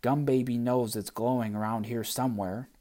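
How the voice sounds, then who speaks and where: A man's voice: mid-range voice, steady tone, normal speed, dark tone, close to an everyday voice. A man voicing a tiny, bossy female gum doll creature with a brash, taunting manner in an audiobook.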